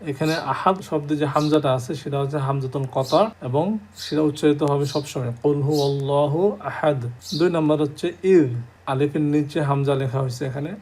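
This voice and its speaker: A man teaching an Arabic textbook lesson, reading out English points slowly and then explaining in a measured way. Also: a little high, steady tone, a little mellow.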